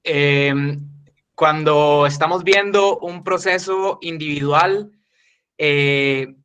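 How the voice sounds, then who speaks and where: A man's voice: on the high side, drawn-out words, fairly bright tone, smooth. A male student asking a hesitant question in an online seminar, his voice faint because his mic is held too far away. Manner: hesitant, many fillers. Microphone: distant mic on a video call.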